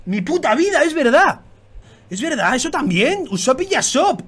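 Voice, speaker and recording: A man doing excited reaction commentary, swearing constantly and bursting into shouts. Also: very high voice, moderate pace. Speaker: YouTube manga reactor.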